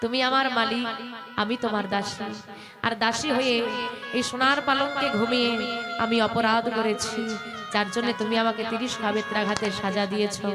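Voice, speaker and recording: A meek seven-year-old servant girl, voiced by a woman storyteller, speaks softly and humbly in a high voice. Her lines are acted inside a devotional sung story. Loud tabla and devotional music play behind her. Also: steady tone, moderate pace, close to an everyday voice. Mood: pleading. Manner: soft, humble pleading.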